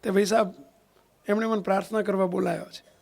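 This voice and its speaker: A man's voice: high voice, steady tone, quick pace, vocal fry, darkish tone. A man, a swami giving a sermon, telling a story and keeps asking his listeners whether they understood. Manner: acts out the voices of people in his stories. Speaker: swami preacher. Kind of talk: sermon storytelling in a Gujarati satsang.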